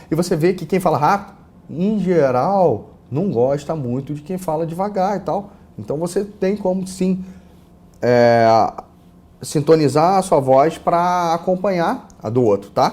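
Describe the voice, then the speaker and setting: A man with a Brazilian accent giving an online course lecture on a lapel mic, casual and full of fillers and repeated words, swinging between loud and soft. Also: on the high side. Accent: Brazilian Portuguese. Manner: casual, many fillers and repeated words, lively shifts in loudness. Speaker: course instructor.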